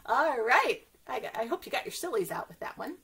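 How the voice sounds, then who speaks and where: Her voice sits a little high, with big swings in pitch, a slightly fast pace, and a bit of brightness. She's a children's librarian guiding an interactive story session, warm and sing-song, often putting questions to the little ones.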